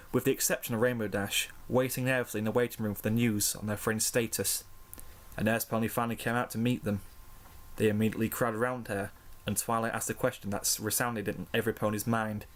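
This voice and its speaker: A man with a fairly low voice narrates a fan-written story. His reading is slow and measured, with a steady storyteller's delivery. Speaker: fanfiction reader.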